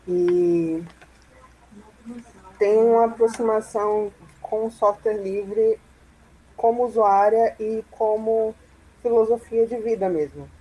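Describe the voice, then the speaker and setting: A woman from Salvador, speaking as a guest on a video call in a halting, thoughtful way with many restarts. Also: fairly high pitch, fairly even intonation, mellow, breathy edge, rough recording. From Salvador, Brazil. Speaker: guest panelist. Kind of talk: casual live-stream discussion.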